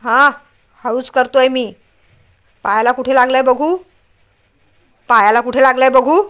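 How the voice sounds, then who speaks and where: A woman's voice: sits high, moderate pace, close to an everyday voice. Woman voicing a stern scolding young husband. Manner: scolding, firm, louder.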